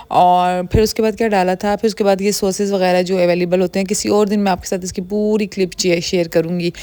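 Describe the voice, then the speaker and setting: A woman who talks quickly in a friendly, homely way, narrating her home cooking as a vlogger. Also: medium pitch, a little mellow, no room sound. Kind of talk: chatty cooking voice-over. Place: home kitchen.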